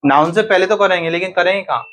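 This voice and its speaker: A man's voice: sits high, fast, a bit bright. A man teaching a grammar lesson to a class, often asking students questions and then answering them himself.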